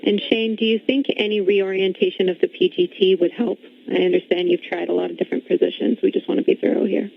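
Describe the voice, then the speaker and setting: A woman working as mission control communicator, speaking in measured, polite confirmations over a radio link. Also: medium pitch, fairly even intonation, gravelly. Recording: dry, narrow phone-like radio link.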